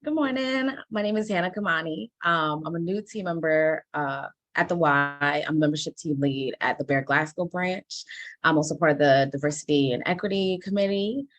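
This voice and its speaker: A woman from Kenya introducing herself on a panel as a membership team lead, brisk and cheerful. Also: low-pitched, no room sound.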